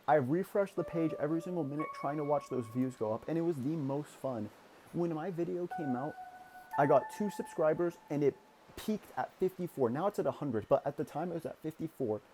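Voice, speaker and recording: A man's voice: on the high side, brisk, background noise. A young man in his late teens talking candidly and reflectively in a personal vlog, rambling a little and restarting his sentences. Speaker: YouTuber.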